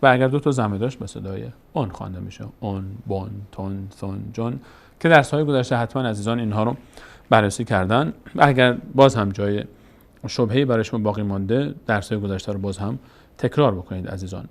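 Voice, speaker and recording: A man with a Tajik accent leads a recorded reading lesson. His voice sits a little low, and he goes slowly, repeating key points so learners can follow. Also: vocal fry. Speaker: Quran reading teacher.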